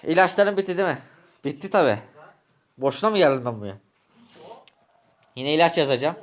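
A man with a slightly high voice, trading quarrelsome, taunting lines in a game role-play. His talk is rough and full of slang, with a faint hiss of noise under it. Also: lively intonation, brisk. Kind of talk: Minecraft role-play banter.

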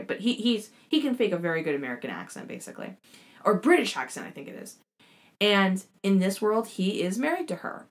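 A young woman talks through a plot recap in a loose, excited, rambling way, with casual swearing along the way. Her voice sits at an ordinary middle pitch for a woman. It sounds like a casual host's chat. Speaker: show host reviewing a series.

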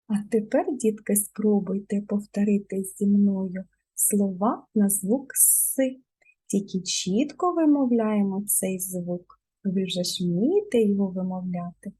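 A woman speech therapist leading a children's lesson, pronouncing syllables and words slowly and clearly so the children can repeat after her. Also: medium pitch, warm tone. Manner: slow, over-articulated, sing-song prompting for children.

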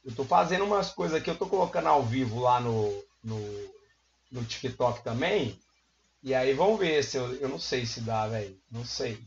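A hoarse man hosting a live stream, chatting casually, greeting viewers over and over and muttering while he fiddles with settings. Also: medium pitch, moderate pace, slight background noise. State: hoarse, losing his voice. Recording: lo-fi stream audio.

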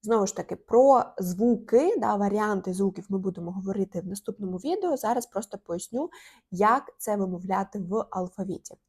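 A woman's voice: medium pitch, darkish tone, slightly rough. A young woman teaching an online language lesson, repeating each letter and word and drawing out the sounds. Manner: slow, drawn-out demonstration of sounds.

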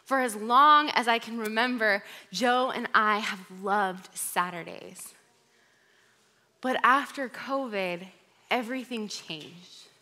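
A woman pastor with an American accent tells a candid personal story in a conversational sermon. Her voice is bright and a little high, and it turns animated as she relives the moment. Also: slow.

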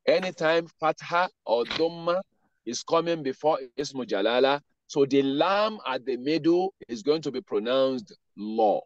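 A man's voice: medium pitch, lively intonation, no room sound. Man teaching in a lo-fi online class. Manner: drawn-out careful pronunciation of words, then explaining rules. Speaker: Arabic teacher. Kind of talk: online class with read-after-me drills. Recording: dull lo-fi online class audio.

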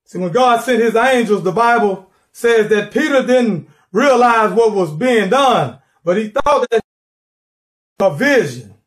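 A man's voice: sits high, expressive, unhurried. A middle-aged man preaching a sermon from his living room, fervent and repeating words as he builds, calling for responses.

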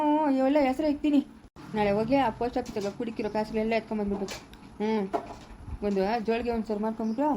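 High-voiced fast-talking rural Kannada mother. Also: dark tone, slight background noise. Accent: rural Kannada, Chikkaballapura area. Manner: coaxing sing-song baby talk. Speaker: mother character. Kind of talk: family drama acting.

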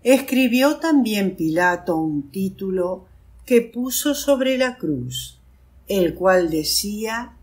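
A woman reading scripture aloud in a measured, solemn way, with rising emphasis. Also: mid-range voice, expressive, darkish tone. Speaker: scripture reader.

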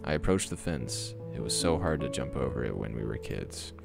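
A man's voice: a bass voice, expressive, normal speed, creaky, pitched below the performer's own voice, heavily acted. A man reading as a sad teenage girl, Sayori. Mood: sad inner monologue. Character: cheerful teenage girl with hidden sadness. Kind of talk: reading game dialogue aloud. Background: background music.

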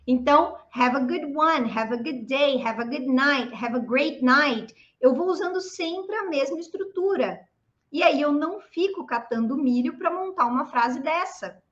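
A woman with a Brazilian Portuguese accent teaching English pronunciation online in a lively, chatty way, drawing out example phrases slowly. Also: high voice, dull audio.

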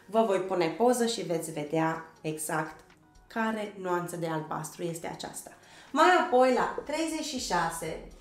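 A woman from Romania teaches an online language lesson in a roomy, echoing space, speaking into a desk microphone. She spells words out letter by letter and drills pronunciation, and she keeps checking in with her learners. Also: mid-range voice. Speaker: English teacher.

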